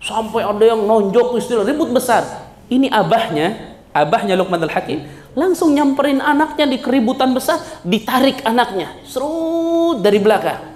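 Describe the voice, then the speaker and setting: Lively storytelling man, high voice. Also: normal speed. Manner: lively storyteller acting out dialogue. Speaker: religious teacher. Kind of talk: pilgrimage guidance talk with storytelling. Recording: echoey room.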